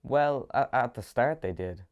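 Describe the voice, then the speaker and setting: A man's voice: medium pitch, expressive, unhurried. A man, a student, plainly explaining how his school handled things. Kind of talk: documentary interview. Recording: dull lo-fi recording.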